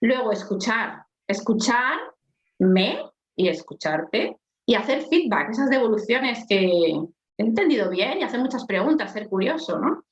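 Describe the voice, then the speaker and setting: A woman with a strong voice, talking on a coaching podcast. She keeps it casual and animated and acts out small scenes as she goes. The recording is echoey and a little dull. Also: on the high side, a little slow. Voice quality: strong, forceful voice. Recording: echoey, slightly dull sound.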